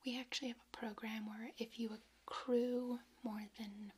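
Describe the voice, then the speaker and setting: A woman speaking in a hushed library whisper, doing a whispered role-play as a friendly, chatty librarian. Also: fairly high pitch, level tone, moderate pace. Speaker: ASMR performer playing a librarian. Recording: clear background noise, handling clicks.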